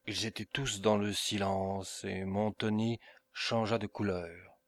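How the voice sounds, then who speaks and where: A man narrating a classic novel as an audiobook reader, reading slowly and evenly. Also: fairly low pitch, dry recording. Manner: slow, even reading.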